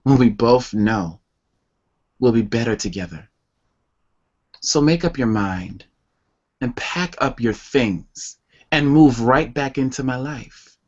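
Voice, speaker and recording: A man's voice: medium pitch, muffled recording. A man, a poet guest, reading his love poems with emotional intensity and then talking about where they came from. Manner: emotional, intense, tender delivery. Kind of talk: slow poetry reading and interview answers.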